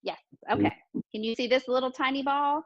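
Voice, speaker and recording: In a high voice and at a fairly quick clip, a pre-kindergarten teacher questions her young pupils and encourages them, frequently repeating their answers. There's no echo; the sound is dull and muffled, with very little sense of the room.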